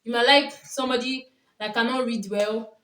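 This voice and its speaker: A young Nigerian woman, a Yoruba speaker with a Nigerian accent, chats to camera as a vlogger and coach, telling stories, giving casual relationship advice and laughing often. Her voice is a little high and fairly bright, with fairly even intonation and a moderate pace. The recording sounds roomy, captured from a distance.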